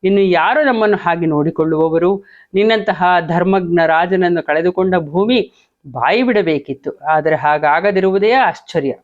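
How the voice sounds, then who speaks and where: A man's voice: high-pitched, animated, a little slow. A man voicing a distraught young prince in an emotional reading, on a dull lo-fi recording. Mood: wailing. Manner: wailing then indignant.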